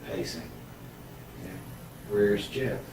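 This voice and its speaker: A man's voice: on the low side, animated, slow. A man questioning someone as a police interrogator, methodical and probing, repeating answers back. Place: echoey interrogation room, far mic. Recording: echoey room, distant mic, heavy noise.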